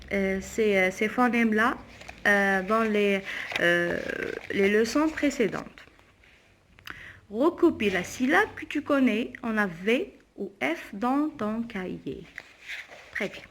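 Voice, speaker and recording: A woman primary school teacher giving a phonics lesson for young children, slowly spelling out letters and syllables and repeating them. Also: medium pitch, a bit bright.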